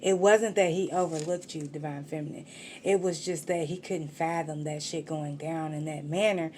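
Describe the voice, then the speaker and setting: A woman's voice: low-pitched, fairly even intonation, moderate pace, warm tone, a little hiss or hum. A woman giving a casual tarot reading, talking straight to the viewer in slangy, profane street talk. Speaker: tarot reader.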